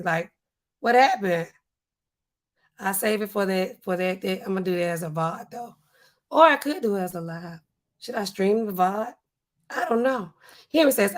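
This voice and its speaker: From a home studio with a neon sign, a hoarse-voiced pharmacist streamer chats casually and reads comments aloud. The voice is weak and husky; she's animated but sinks into a low, slow register to sound stern.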